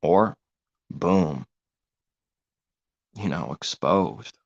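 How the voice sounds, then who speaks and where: A man with a very deep, gravelly voice preaches informally in an earnest, rambling way. The recording is dull and muffled, with a low-fi edge. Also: extremely slow. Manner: earnest, rambling, grows heated. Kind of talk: informal religious monologue.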